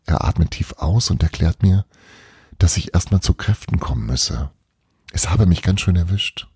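Husky man with a dark, low voice, reading a first-person novel softly, close and dry. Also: animated, normal speed, no echo. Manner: hushed, often half-whispered reading. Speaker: audiobook reader.

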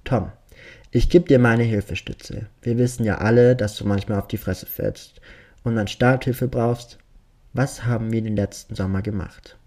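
A man's voice: fairly low pitch, fairly even intonation, normal speed, a little mellow, natural voice. A man voicing a cold, mocking young killer. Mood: taunting. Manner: taunting, impatient.

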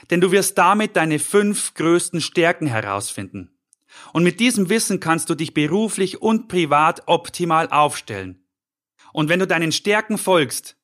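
A man's voice: fairly high pitch, a bit bright. German man giving an upbeat coaching talk. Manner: earnest, encouraging, speaks directly to the listener. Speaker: podcast host and life coach. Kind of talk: scripted motivational talk.

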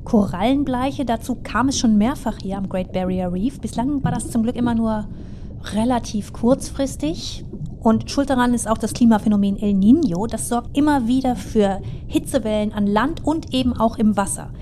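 A woman's voice: a little high, normal speed, mellow, a little hiss or hum. A woman co-hosting a travel podcast, explaining in an engaged, conversational storytelling manner. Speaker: co-host.

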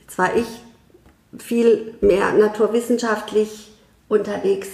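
Gravelly-voiced woman speaking thoughtfully. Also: medium pitch, fairly even intonation, darkish tone, echoey room. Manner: thoughtful, measured, with frequent hesitations. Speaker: guest. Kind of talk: conversational interview.

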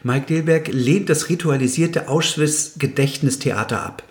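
A man's voice: fairly high pitch, unhurried. A man hosting a casual interview, asking loose, stumbling questions and responding often with brief agreement. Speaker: interview host.

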